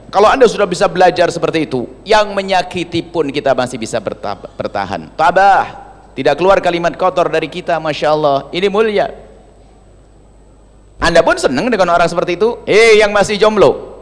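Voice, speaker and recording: Delivering a sermon at a moderate pace, this male preacher sounds rather high-pitched, animated and forceful. Loud, emphasized lines give way to hushed comments, all inside a long, hall-like echo.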